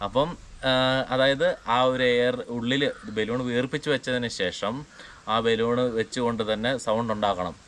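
A man's voice: mid-range voice, fairly even intonation, fairly bright tone, slight background noise. A man hosting a family vlog. He explains the rules of a game and teases the other player in a playful, casual way. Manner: playful, teasing, quick rule-explaining. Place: outdoors in the sun.

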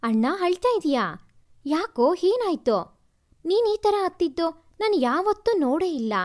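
A woman's voice: very high-pitched, sing-song, unhurried, darkish tone, pitched above the performer's own voice, exaggerated voice. A woman voicing a caring younger sister. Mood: worried. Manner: coaxing, concerned.

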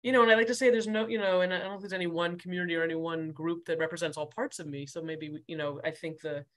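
A rabbi talks quickly and thoughtfully, scattering "you know" through her sentences. She sounds like an interviewer in an easy conversation. She is heard over a video call. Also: lowish voice, fairly even intonation.

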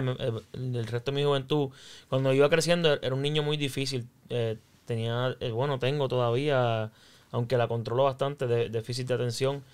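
Chatty Puerto Rican young man, smooth voice. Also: mid-range voice. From Puerto Rico. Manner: chatty, mixes English words like "so". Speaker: guest. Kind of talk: casual interview storytelling.

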